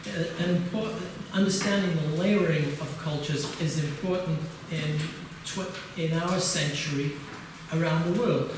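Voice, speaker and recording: An older man from England delivers a halting academic lecture, full of restarts and filler sounds. His voice sits a little high for a man. He is recorded from well back in a very echoey conference hall with steady background noise. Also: recorded from a distance. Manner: hesitant, many uhs and restarts. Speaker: keynote lecturer.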